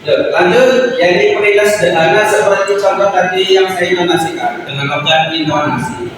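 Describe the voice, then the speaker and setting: A young man gives a classroom presentation, rambling loosely through his points and examples. His voice sits somewhat high for a man. It reaches the mic from far off in a strongly echoing classroom, with steady noise behind him. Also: moderate pace. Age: young adult. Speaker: student presenter. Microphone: far camera.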